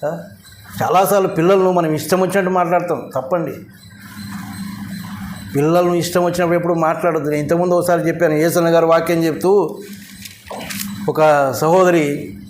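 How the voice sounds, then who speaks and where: A man preaching a sermon to his congregation, telling a story and often prompting the listeners with short questions. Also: a little high. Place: church prayer hall. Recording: echoey hall with faint background noise.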